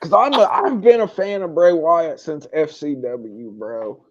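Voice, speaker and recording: A man with a somewhat high voice chats casually about wrestling as a podcast co-host. He is blunt and slangy. The recording sounds dull and lo-fi. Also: lively intonation, unhurried, no echo. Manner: slangy, blunt, says "bruh" often.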